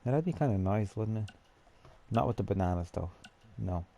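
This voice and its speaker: A man's voice: on the low side, lively intonation, moderate pace, creaky, dark tone. A man chatting casually to himself as he builds a character in a game, thinking aloud as he goes. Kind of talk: casual gameplay commentary.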